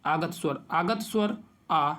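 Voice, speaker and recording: A man teaching an exam-prep grammar lesson, reading out definitions and slowly stretching each vowel he lists. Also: on the high side, a bit bright.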